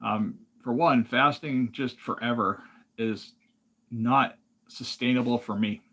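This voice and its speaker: A man from Alaska hosts a casual livestream, rambling in a relaxed way and reading viewer comments aloud. His voice sits in the mid-range, and he takes it slowly.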